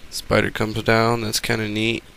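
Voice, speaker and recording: Gravelly man rambling over gameplay. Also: lowish voice, completely flat delivery, moderate pace, a bit bright, slight background noise. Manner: rambling, profane, sarcastic. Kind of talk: casual game commentary voice-over.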